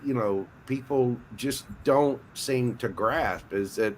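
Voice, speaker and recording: A man's voice: mid-range voice, takes it slowly, darkish tone, a little hiss or hum, low-quality recording. A man in a casual group chat, explaining his view and listing points with emphasis. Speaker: chat participant.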